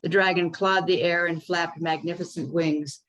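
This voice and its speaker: A woman author reading her own children's story aloud over a video call, unhurried with the odd um. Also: on the low side, steady tone, a bit bright, lo-fi sound. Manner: unhurried reading with occasional ums.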